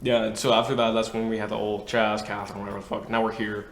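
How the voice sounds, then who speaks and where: A young man in a band, telling excited stories in casual chat, voice jumping loud and high when he jokes. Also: fast. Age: young adult. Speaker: band member, guest. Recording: roomy with faint noise.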